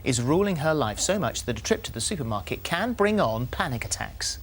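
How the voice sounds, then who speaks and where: A woman's voice: a bass voice, sing-song, fairly quick, breathy edge. A woman co-presenting daytime television in a chatty, questioning style.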